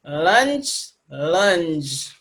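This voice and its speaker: Woman reading word pairs very slowly. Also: fairly low pitch, very animated, fairly bright tone, poor audio. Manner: slow, careful word-by-word reading. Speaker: student. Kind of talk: reading a pronunciation drill.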